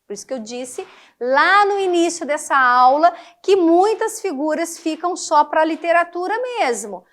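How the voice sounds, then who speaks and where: Brazilian woman, middle-aged teacher, high voice, emphatic and engaging. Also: unhurried. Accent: Brazilian Portuguese. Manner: lively, emphatic, checks in with listeners often. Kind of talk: classroom lecture on figures of speech.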